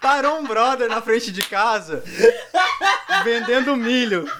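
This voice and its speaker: A man's voice: very high voice, slow pace, very noisy. A Brazilian man co-hosting a podcast, telling a funny story while laughing and joking. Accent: Brazilian Portuguese. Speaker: podcast co-host. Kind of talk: casual group banter.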